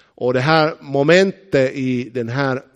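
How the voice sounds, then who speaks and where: A man from eastern Uusimaa in Finland, with a Finland-Swedish accent, preaching a sermon. He tells stories emphatically and slows down on key phrases. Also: mid-range voice.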